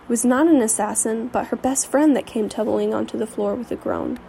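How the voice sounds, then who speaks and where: A woman's voice: on the high side, lively intonation, fairly quick, vocal fry, noisy background. A woman reading a fantasy story aloud, with occasional slips and restarts. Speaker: reader. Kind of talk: storybook narration.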